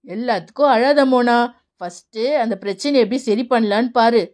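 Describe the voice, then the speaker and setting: A woman voicing a calm, sensible young boy in a children's cartoon who explains things patiently. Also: on the high side, moderate pace, close to an everyday voice. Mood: reassuring.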